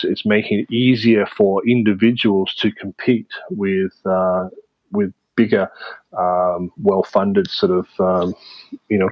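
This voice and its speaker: A man answering interview questions in a measured way, with many fillers and restarts. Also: fairly low pitch, highs cut off. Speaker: interview guest, media producer. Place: based in Vietnam.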